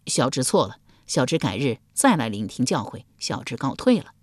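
A woman's voice: rumbling low, very animated, normal speed, no echo, voice pushed down, full character voice. A woman voicing a timid, anxious male court official who answers hesitantly and deferentially, with stammers, in a storybook reading.

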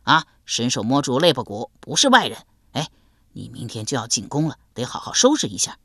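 A woman's voice: rumbling low, sing-song, fairly quick, gravelly, fairly bright tone, husky, no echo, studio quality, voice pushed down, exaggerated voice. A woman doing a bluff, confident patron. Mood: hearty. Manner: assured, blustering. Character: middle-aged man, a bluff, confident patron.

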